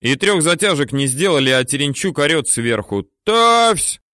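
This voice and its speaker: A man narrating a war story audiobook in a steady, measured, terse manner. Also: medium pitch, no echo, clean studio sound.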